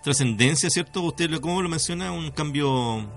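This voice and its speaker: Soft music plays behind a radio host with a Chilean accent as he conducts a conversational interview. He hesitates a lot and keeps adding "cierto" tags to check in, speaking at a normal speed in a voice that's a little high.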